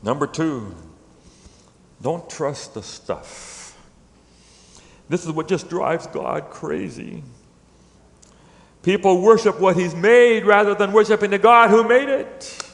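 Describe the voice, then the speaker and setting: High-voiced man preaching in a reverberant church. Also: slow, vocal fry, long pauses. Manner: dynamic preaching, swinging between loud emphatic peaks and hushed low lines. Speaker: pastor. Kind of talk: sermon. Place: church sanctuary.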